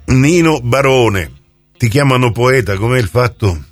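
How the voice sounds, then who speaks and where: A man's voice: medium pitch, lively intonation, a little slow, dry recording, faint music behind. A man hosting an informal interview in a jovial, familiar way. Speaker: radio-style interviewer and host.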